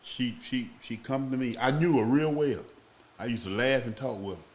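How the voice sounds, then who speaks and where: A man, a podcast guest telling a long, rambling story in a slow, casual way. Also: medium pitch. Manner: slow, rambling, acts out voices in his stories.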